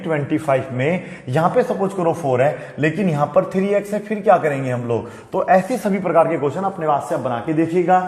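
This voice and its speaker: A man's voice: fairly high pitch, a little mellow. A man teaching a maths lesson, patient and repetitive, often checking in with his students. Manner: patient, repeats "okay, beta" to students. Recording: echoey room with long reverb.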